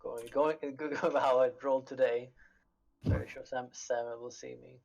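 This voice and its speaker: A man playing a tabletop game, quick and eager, on a dull lo-fi microphone. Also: medium pitch, fairly even intonation, creaky, a little mellow. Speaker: player. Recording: dull lo-fi mic.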